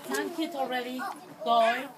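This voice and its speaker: Preschool teacher, female, native Spanish speaker with a thick accent and halting English, heard through heavy noise. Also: high-pitched, steady tone. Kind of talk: informal speech to parents and children. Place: outdoor daycare play yard. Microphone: handheld phone camera a few metres away. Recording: noisy, distant phone video.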